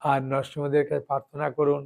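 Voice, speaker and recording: A man, a monk preacher, giving a devotional sermon, often checking that his listeners understand and reciting names slowly one by one. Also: on the high side, completely flat delivery, creaky. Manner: keeps asking listeners "understood?".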